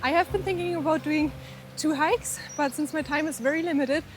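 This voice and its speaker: High-voiced woman vlogging on a hike. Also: brisk, over music. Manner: enthusiastic, chatty, a little out of breath while hiking. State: out of breath. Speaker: travel vlogger. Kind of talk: outdoor travel vlog talking to camera. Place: outdoors on a mountain hike.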